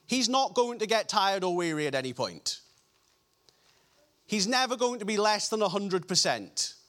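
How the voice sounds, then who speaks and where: A man preaching a sermon, reading scripture passages in a lower, softer voice and slowing down to stress key lines. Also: sing-song.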